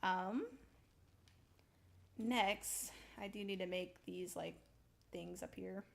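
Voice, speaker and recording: A young woman casually talking through her building in a video game, rambling slowly with lots of ums and little laughs. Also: fairly low pitch, steady tone, creaky. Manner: slow, rambling, giggly, full of ums. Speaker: streamer building in a survival game. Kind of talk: casual gameplay commentary.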